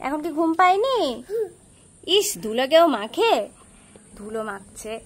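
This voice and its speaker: A woman from West Bengal, hoarse with a cold, chatting to her vlog audience and gently coaxing her small daughter at home. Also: extremely high pitch, big pitch swings, measured pace. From West Bengal, India. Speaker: vlogger mother. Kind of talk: casual home vlog talk to camera and child.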